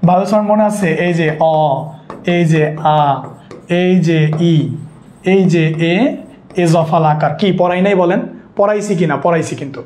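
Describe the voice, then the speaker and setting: A man's voice: high-pitched, fast talker, darkish tone, reverberant, a little hiss or hum. A man teaching an English grammar lesson for an exam course, keeping a check on whether his students follow and repeating his points. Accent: Bangladeshi Bengali. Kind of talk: online exam-prep lesson.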